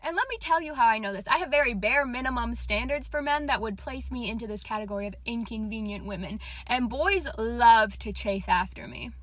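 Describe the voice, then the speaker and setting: A woman's voice: a little high, a little fast, hardly any pauses, a bit bright, dry recording. A young adult woman giving casual dating advice in a confident, emphatic, conversational way. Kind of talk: casual opinionated advice talk to camera.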